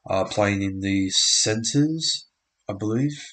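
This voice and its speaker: A man's voice: fairly low pitch, takes it slowly, a bit bright, a little hiss or hum. A young man casually commenting on a live match stream, often unsure of players' names and correcting himself. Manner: unsure, self-correcting, frequent restarts and fillers.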